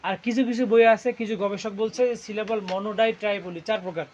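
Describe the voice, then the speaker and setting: A man's voice: high voice, fairly even intonation, fairly quick, a little hiss or hum. A male teacher, leading a classroom lesson and constantly quizzing his students and asking if they follow. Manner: quizzes students constantly, ending lines with "right?". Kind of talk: classroom lesson with call-and-response drilling. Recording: dull lo-fi classroom recording.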